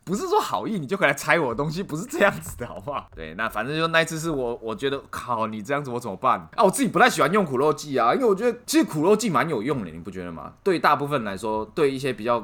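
A man's voice: mid-range voice, rapid-fire, few pauses. A man, co-hosting a casual podcast chat and telling stories with lots of swearing and laughter. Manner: animated storytelling with frequent swearing and laughter. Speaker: podcast co-host.

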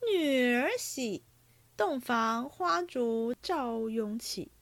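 A woman voicing a brash, crude young rich man at a drinking game, talking loud and blustering. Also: on the high side, lively intonation, very slow, creaky, dry recording, exaggerated voice.

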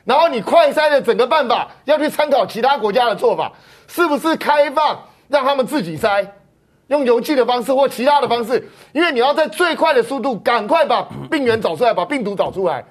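Urgent, high-voiced Taiwanese woman. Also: animated, a little fast. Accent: Taiwanese Mandarin. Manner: urgent, pleading. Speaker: guest doctor. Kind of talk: political talk show commentary.

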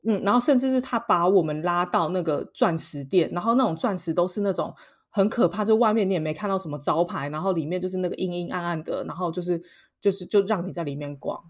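A woman with a Taiwanese Mandarin accent, co-hosting a podcast and telling a travel story in a lively chat, acting out what others said and laughing often. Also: on the low side, fast talker. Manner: animated, acts out quotes, laughs often. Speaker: podcast co-host.

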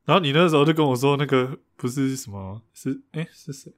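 This man talks a little fast in a medium pitch. He co-hosts a podcast, and in relaxed chat he recounts an argument, breaking into laughter frequently and starting over many times.

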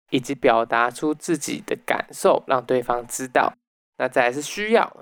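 A man hosting a book summary talk, explaining step by step and dropping in soft "oh" particles. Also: medium pitch, clear, resonant tone, no echo, studio quality. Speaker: podcast host.

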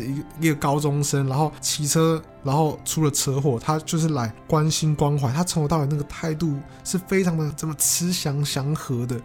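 A young man tells his own story in a vlog. He talks earnestly, stumbles and repeats words as he goes, and his voice sits somewhat high for a man. Faint music plays under him. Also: a little mellow. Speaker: vlogger. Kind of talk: personal storytelling.

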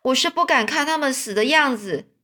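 A woman's voice: sits high, expressive, fairly quick, pushed and bright, exaggerated voice. A woman voicing a scared, pleading poor runaway boy in a storybook reading. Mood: anxious. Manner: anxious, pleading.

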